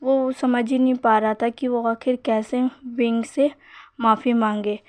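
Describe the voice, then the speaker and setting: A woman casually retelling a fan fiction story, narrating quickly with frequent restarts. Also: a little high, flat delivery, a little mellow, no echo. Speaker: fanfic storyteller.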